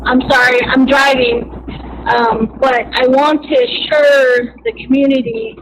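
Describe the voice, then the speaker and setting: Woman, car speakerphone, board president, earnest, halting restarts, somewhat high voice, loud road noise, call breaking up. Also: steady tone, low-quality recording. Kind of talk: public meeting remarks by phone. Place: inside a moving car. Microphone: phone on speaker while driving. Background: vehicle road noise.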